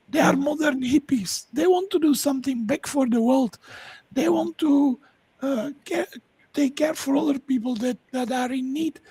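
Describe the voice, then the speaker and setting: A Belgian woman with a Flemish accent appears as a podcast guest, eagerly pitching her own tech projects in conversation. Her voice is high and warm. The recording is dry and low in quality.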